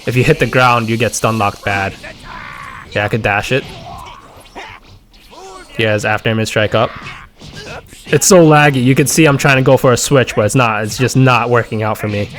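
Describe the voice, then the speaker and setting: A man's voice: mid-range voice, normal speed, pauses often, a bit bright, faint music behind. A man giving casual gameplay commentary, rambling with lots of fillers and restarts. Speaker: gaming content creator.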